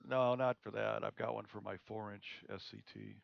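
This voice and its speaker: A man hosting a live observatory stream, chatting casually and haltingly with fillers and restarts. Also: on the low side, fairly even intonation, creaky, dry recording. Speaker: observatory host. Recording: dull lo-fi stream audio.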